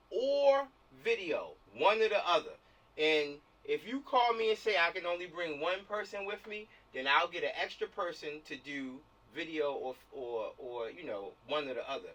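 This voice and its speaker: Heard through distant-sounding video call audio, a film production organizer from America runs a casual online meeting. His voice is on the high side and fairly bright, and he gives directions while repeating his phrases.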